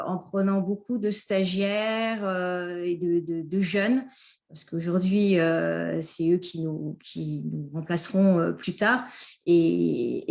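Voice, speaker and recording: Woman farmer on a panel, medium pitch, halting and thoughtful. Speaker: farmer, former teacher. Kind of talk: panel answer.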